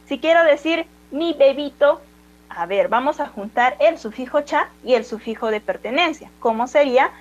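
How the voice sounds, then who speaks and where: A woman teaching an online language lesson, slowly repeating words for her students to say after her. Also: high voice, lively intonation, muffled recording. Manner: slow, patient, drawn-out repetition of words for students.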